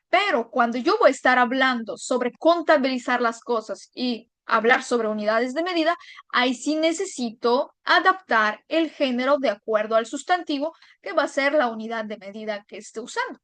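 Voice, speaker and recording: Woman teacher, high voice, calm step by step grammar explaining, dry close sound. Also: dry recording. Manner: patient, explains step by step, checks in with "mm?". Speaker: Russian language teacher. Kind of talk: online language lesson.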